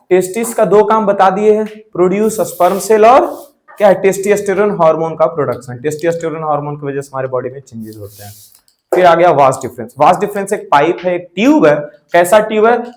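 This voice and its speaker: A male teacher runs a biology lesson in a slightly high voice. He mixes English terms into Hindi, throws questions at the class and answers them himself, checking in with frequent "theek hai"s.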